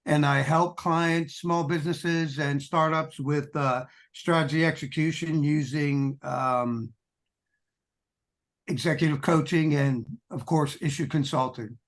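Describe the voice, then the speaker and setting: A man working as a strategy advisor, introducing himself in a measured, listing way. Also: on the high side.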